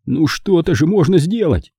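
A man's voice: fairly high pitch, expressive, moderate pace, mellow, slightly rough, dry recording, studio quality, voice pushed up. A man doing a desperate young nephew. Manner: pleading, agitated.

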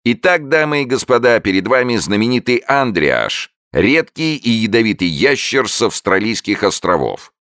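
A hoarse, crowing little fairground barker, put on by a man reading aloud, hawks his act in a pitch far above the reader's own, leaping up and down with animated showy patter. The sound is dry and close. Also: normal speed, hardly any pauses, dry recording. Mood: barking. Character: hoarse little male showman, pushy barker.

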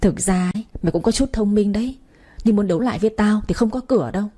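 A woman's voice: medium pitch, quick pace, dark tone, close to an everyday voice. A woman voicing a cruel, scheming female villain who sneers and hisses threats. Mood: sneering.

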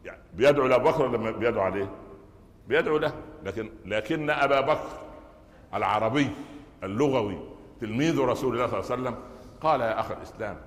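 Egyptian male preacher, middle-aged, brisk storytelling sermon, roomy hall reverb. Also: medium pitch. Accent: Egyptian Arabic. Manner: storytelling, asks the audience rhetorical questions. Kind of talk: Friday sermon. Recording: echoey hall with long reverb.

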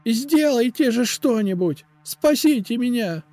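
Визгливого перепуганного придворного. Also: male voice, expressive, unhurried, dark tone, big-room sound, faint music behind. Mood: terrified. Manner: shrill trembling bleating voice. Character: terrified cowardly courtier, male.

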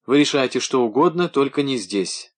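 Man reading as a young woman, caring, soft, coaxing, audiobook. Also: medium pitch, animated, moderate pace, pitched above the performer's own voice, natural voice.

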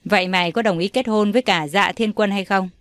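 A woman's voice: mid-range voice, brisk, dry recording, studio quality, close to an everyday voice. A woman voicing a domineering old father in an audio story, harsh and commanding. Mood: furious. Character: furious old male patriarch, domineering father.

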